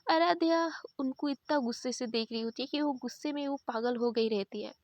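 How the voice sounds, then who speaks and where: A woman's voice: sits high, brisk, dry recording. A woman retelling a love story in a chatty, casual way, full of repeated fillers.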